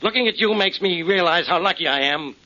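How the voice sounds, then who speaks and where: A man playing a gruff, sarcastic, stubborn police inspector in a 1940s radio drama. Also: high-pitched, a little fast, pushed and bright. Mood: irritable, sarcastic. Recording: muffled, noisy 1940s radio recording.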